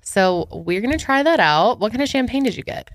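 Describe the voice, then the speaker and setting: A woman's voice: fairly high pitch, animated, a little fast. A young woman co-hosting a podcast, chatting casually and laughing easily. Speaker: podcast co-host. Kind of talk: casual chat.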